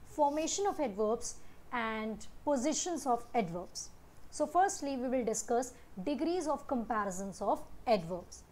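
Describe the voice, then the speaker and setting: A woman with an Indian English accent teaches a grammar lesson, slipping between English and Hindi explanations. Her voice sits high, and she speaks very slowly, stretching out each example word as she lists them. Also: darkish tone. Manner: slow, drawn-out reading of word lists.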